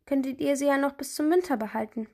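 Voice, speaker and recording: A woman's voice: quick pace, warm tone. A woman reading aloud, voicing a hesitant adult neighbor woman in a children's story. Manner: hesitant, slightly lower.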